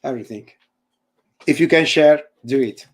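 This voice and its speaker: An Italian man with a medium-pitched voice, a university lecturer appearing as a guest presenter, speaks English as his second language on a video call mixing casual chat with a live coding demo. He speaks haltingly, searching for words, restarting phrases and filling pauses with "uh" and "let me say." His audio fades in and out now and then.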